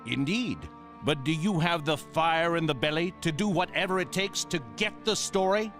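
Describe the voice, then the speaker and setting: A man's voice: fairly high pitch, moderate pace, a bit bright, faint music behind. A man playing a condescending, pompous colonial newspaperman in a history cartoon. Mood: condescending, scheming. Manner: condescending, wordy. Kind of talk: animated history cartoon acting.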